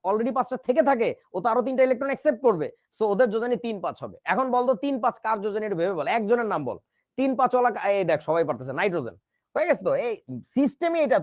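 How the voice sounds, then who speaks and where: A man with a very high voice delivers a chemistry lecture to a class, joking around and spelling out words one letter at a time. The audio is dull and dry.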